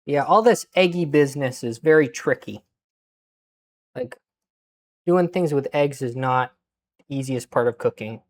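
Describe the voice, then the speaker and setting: A man talking through a cooking stream in a relaxed, middle-pitched voice. He mutters half to himself and drops dry, self-mocking jokes. His voice sometimes drifts back from the mic as he moves around the kitchen. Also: a little slow, long pauses. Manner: deadpan, self-mocking asides; mutters to himself while working. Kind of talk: casual chat while cooking.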